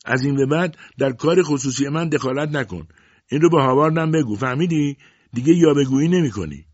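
A man voicing a strong, stingy, greedy middle-aged mother who scolds and shouts at her daughter in a storybook reading. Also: fairly low pitch, sing-song, husky, no echo, pitched above the performer's own voice, heavily acted. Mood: shouting. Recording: dull dry lo-fi audiobook recording.

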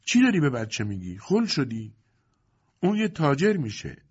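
A sharp, practical middle-aged merchant wife with a brisk, scolding way of talking a man voices her. The voice sits higher than the reader's own and comes through a dull, lo-fi audiobook recording. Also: expressive, gravelly, breathy edge.

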